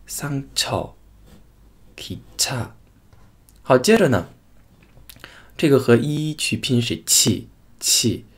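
A man teaching a pronunciation lesson, saying each sound twice in slow, drawn-out demonstrations. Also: mid-range voice, very animated, breathy edge. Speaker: language teacher.

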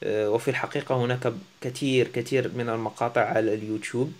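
A man who is not a native Arabic speaker teaching a French lesson, often pausing and searching for words. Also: mid-range voice, fairly even intonation. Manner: halting, searching for words, self-deprecating. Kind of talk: casual language lesson.

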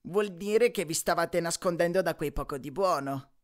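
A man's voice: fairly high pitch, normal speed, natural voice. A man voicing a sly, hulking male bed salesman with oily salesman patter, in an audiobook reading.

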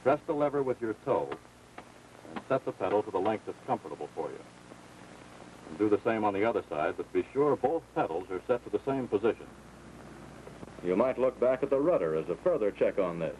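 Through a muffled, noisy 1940s film soundtrack comes an American man's lowish, slightly mellow voice, with big pitch swings and a slightly fast pace. He plays a flight instructor in a training film, delivering scripted, clear, orderly step-by-step instruction.

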